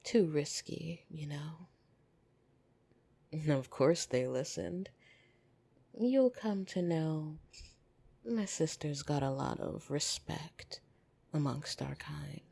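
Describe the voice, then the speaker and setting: Over soft piano music, a woman with a deep voice plays a lonely, flirtatious vampire in an ASMR roleplay. Her heavily acted delivery is soft, breathy, teasing and intimate, with hesitant pauses, and she comes across as tender yet easily irritated.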